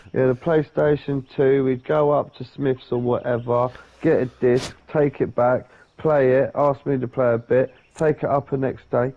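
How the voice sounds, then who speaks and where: A man telling a long story in casual chat, rambling and swearing, often checking in with "yeah?". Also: medium pitch. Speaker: podcast co-host. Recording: dull lo-fi sound.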